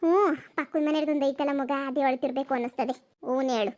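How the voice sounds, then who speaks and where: A woman voicing chatty village women in a cartoon comedy, in a rapid, gossipy, exclaiming manner. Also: sits high, fairly even intonation, a little mellow, lo-fi sound, natural voice.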